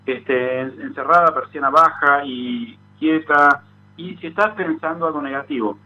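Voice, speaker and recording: A man with an Argentine accent, a psychologist guest giving thoughtful explanations in an interview, often pausing on "este". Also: fairly high pitch. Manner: thoughtful, frequent "este" fillers. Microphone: phone call. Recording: tinny phone line with faint noise.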